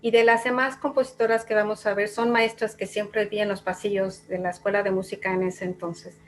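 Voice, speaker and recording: A Mexican pianist calmly explaining works of music as a guest in a talk. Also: female voice, medium pitch, fairly quick.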